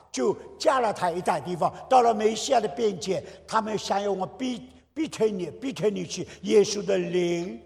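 Older male pastor, emphatic sermon delivery, fairly high gravelly voice, big hall reverb. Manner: emphatic preaching with sudden loud outbursts and soft drops.

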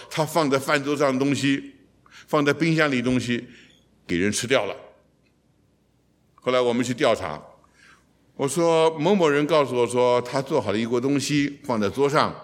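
A middle-aged man teaching a sermon on scripture as a seminary teacher, animated, acting out quoted lines with sudden jumps in pitch.

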